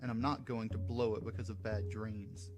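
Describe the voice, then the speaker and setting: A man's voice: fairly low pitch, fairly even intonation, normal speed, music in the background, pitched below the performer's own voice, lightly acted. A man voicing a nervous, reserved lieutenant in a narrated sci-fi story. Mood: guarded. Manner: soft, guarded.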